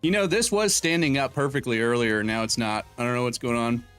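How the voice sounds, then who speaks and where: A young man hosting a casual live stream talks a little fast, his medium-pitched voice smooth and fairly bright. Seated at a desk mic in his home room, he jokes and calls out viewers' names and donations, with faint music in the background.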